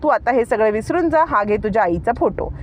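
A woman voicing a sharp-tongued young wife who taunts and scolds her sister-in-law, in a retold TV serial story. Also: fairly high pitch, lively intonation, fairly quick, a little hiss or hum, natural voice. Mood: taunting.

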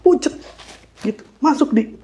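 A man with telling a hiking story in a casual, animated way, acting out voices and sounds. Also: very high voice, a little slow.

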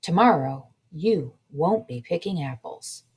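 A woman's voice: low-pitched, animated, a little slow, darkish tone, husky, full character voice. A woman voicing a firm but caring mother in a read-aloud storybook, close to her own voice. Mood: gentle. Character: mother of farm-worker family, firm, caring.

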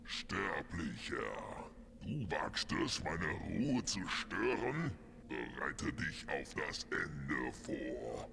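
An actor playing a menacing undead orc shaman in a video game, with a monstrous dragon-like growl and a slow, imperious delivery. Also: very deep voice, sing-song, vocal fry, bright, forceful tone, exaggerated voice. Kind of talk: video game character acting. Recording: long cavernous reverb, faint noise.

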